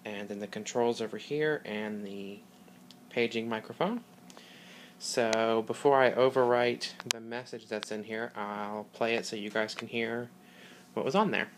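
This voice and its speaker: A man hosting a casual hobby video, explaining equipment in an informal, halting way, recorded on a handheld device indoors. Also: on the low side, steady tone, noisy background. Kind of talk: casual product demonstration vlog. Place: small carpeted room indoors. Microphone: handheld phone or camera mic.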